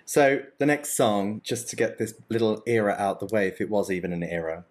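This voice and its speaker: A man's voice: lowish voice, fairly even intonation. A man co-hosting a casual music podcast, thoughtful and a little hesitant. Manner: thoughtful, hesitant, drawn-out phrasing. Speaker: podcast co-host. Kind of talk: casual chat.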